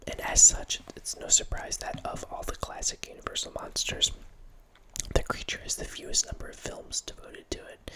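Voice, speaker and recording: A man in his thirties hosts a whispered ASMR horror film ramble, speaking soft and breathy throughout into a close studio mic, wearing headphones, in a small room at home. His loose delivery is full of restarts and small self-corrections, and the audio is poor.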